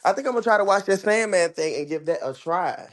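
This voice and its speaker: A man around thirty chatting casually with friends, quick to react and excitable. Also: high voice. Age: 30s. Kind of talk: casual group chat.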